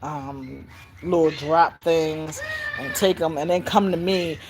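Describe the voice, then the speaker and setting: Speaking slowly, an elderly woman shares stories in a relaxed vlog about bringing up her granddaughter. Her delivery is lively, and she breaks into high squeals when imitating voices.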